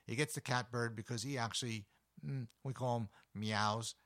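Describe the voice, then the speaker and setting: A man with a deep voice, hosting a nature show and chatting enthusiastically with frequent fillers. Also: fairly even intonation, moderate pace, a bit bright. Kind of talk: casual talk about backyard birds.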